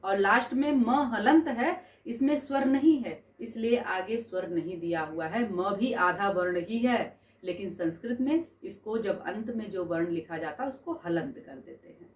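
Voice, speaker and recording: A woman teacher explaining a school language lesson, spelling out words sound by sound in a slow, deliberate way. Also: medium pitch, expressive, echoey room, distant mic. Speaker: Sanskrit teacher.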